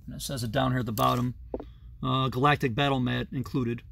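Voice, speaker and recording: A man's voice: medium pitch, steady tone, brisk, creaky, a bit bright, slight background noise. A man in his thirties giving a chatty, detailed tour of his toy collection, filmed on a handheld phone in a basement. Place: basement full of toys, indoors. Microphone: phone camera held at arm's length.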